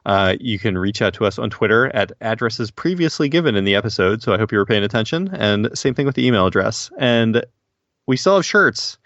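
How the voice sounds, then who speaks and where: A man's voice: lowish voice, animated, fairly quick, fairly bright tone, no echo, dull audio. A man from Maryland co-hosting a podcast, chatting casually and joking, often laughing. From Baltimore County, Maryland. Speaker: podcast co-host. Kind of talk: casual chat.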